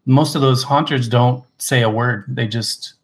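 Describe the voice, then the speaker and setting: Relaxed male podcast co-host. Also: medium pitch, measured pace, husky. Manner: relaxed, many fillers and restarts, enthusiastic recommendations. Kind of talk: casual chat.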